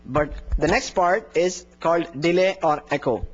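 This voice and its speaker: A young adult man teaching adhan leads an indoor workshop lecture before a plain wall, explaining technique step by step and demonstrating with his voice, which sits high for a man. His pace is unhurried. He uses a handheld microphone plus a lapel mic, and the video recording sounds dull and lo-fi.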